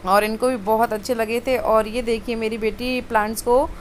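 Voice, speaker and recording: Woman vlogger, homey chatty voice-over with lots of fillers, bit high pitched. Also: fairly even intonation, normal speed, slight background noise. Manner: chatty, homely storytelling with many fillers. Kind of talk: casual voice-over narration of home video. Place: home kitchen.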